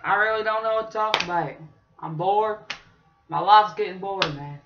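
High-voiced drawling redneck played by a young man. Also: moderate pace, background noise. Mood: casual, bored. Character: bearded rural redneck man, opinionated, easily bored. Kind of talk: casual vlog rambling in character. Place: small bedroom, indoors. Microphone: webcam or laptop mic at arm's length. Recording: dull lo-fi webcam sound.

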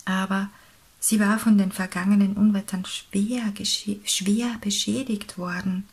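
A woman reading a picture book aloud for young children, softly and slowly, often close to a whisper. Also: mid-range voice, steady tone, breathy edge. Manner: soft, slow, near-whispered reading. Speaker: storybook reader.

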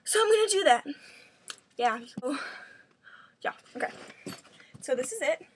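A woman's voice: high-pitched, expressive, measured pace, slight background noise. A teenage girl chatting casually in a home video, rambling with lots of fillers, a little out of breath. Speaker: vlogger. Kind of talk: casual vlog showing her dance bag.

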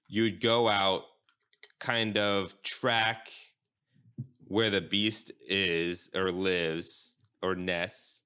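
A young man hosts a casual podcast from a desk microphone, rambling and halting with plenty of fillers. His voice is low and bright with a clear, smooth tone, and he takes his time. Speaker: podcast host.

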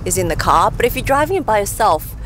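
A woman's voice: medium pitch, big pitch swings, quick pace, fairly bright tone, rough recording. A woman in her thirties chatting in an upbeat way while riding in an open-top car, recorded by a camera in the car. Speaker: vlog co-host. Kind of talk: casual chat. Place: open-top car outdoors on city streets. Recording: traffic and wind noise.

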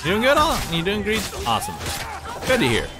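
A man's voice: sits high, wildly swooping pitch, fast talker, music in the background. A man casually commenting while playing a video game, chatty and amused. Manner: chatty, amused, reacts aloud. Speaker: gaming let's-play host.

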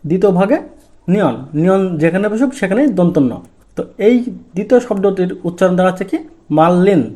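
Teacher, male, high voice; walks through sounds one by one, quizzing and answering himself. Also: dark tone. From Bangladesh. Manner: asks the class questions and answers them himself; drawn-out, deliberate stress on key sounds. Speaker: Korean language teacher. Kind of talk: step-by-step pronunciation lesson.

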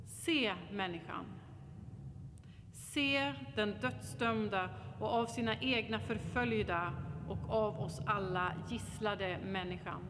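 Female reader, solemn measured liturgical reading, long cathedral reverb. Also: medium pitch, fairly bright tone, slight background noise. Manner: slow, measured declamation. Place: large stone cathedral.

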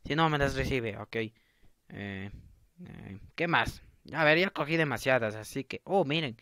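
A man's voice: medium pitch, lively intonation, a little slow, bright, forceful tone, dry recording. A young man narrating a comedic game video in a goofy way, swearing and joking. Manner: goofy, swears and yelps for laughs. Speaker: gaming video creator.

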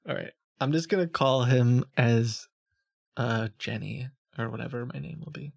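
A voice pushed low by a pitch-shifting changer, gravelly and crackly at the bottom. It talks offhand and casual, half to itself. The sound is dry and close, with no room around it. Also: moderate pace, dry recording. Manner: chuckling, offhand, thinking aloud. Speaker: scam-baiting streamer. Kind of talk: casual aside to viewers.

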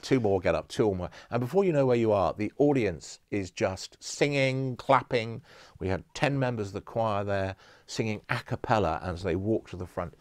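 A man's voice: on the low side, a little mellow, no room sound. A middle-aged man, an event producer, telling enthusiastic rambling anecdotes in an interview studio. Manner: enthusiastic storyteller, rambling with restarts. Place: studio with empty audience chairs.

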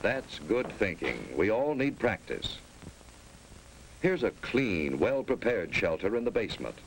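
A man's voice: lowish voice, sing-song, a little slow. An American man giving grave, authoritative narration for a 1950s civil defense instructional film. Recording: noisy old 1950s film soundtrack.

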